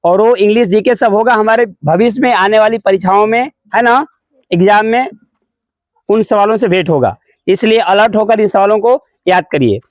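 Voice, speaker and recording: A high-pitched man leads a morning school assembly lesson at normal speed in a dry recording. Using call-and-response, he repeats key words, answers his own questions, slips English phrases into his explanations, and addresses pupils as "babu."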